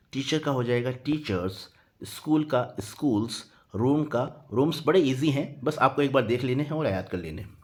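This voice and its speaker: A patient man teaches an English grammar lesson at an even, unhurried pace. He spells each word out letter by letter. After every point he checks in with his students. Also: medium pitch, a little hiss or hum. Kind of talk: Hindi-medium grammar lesson.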